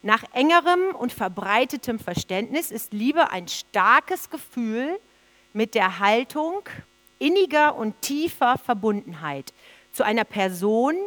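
A woman's voice: a little high, sing-song, measured pace, a bit bright. A woman preaching a sermon, earnest and emphatic, repeating phrases for stress.

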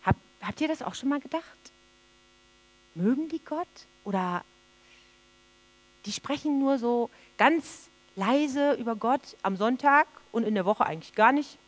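Woman giving a sermon, earnest, keeps repeating stuff for emphasis, bit high voice, faint hum behind. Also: animated, normal speed. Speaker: preacher.

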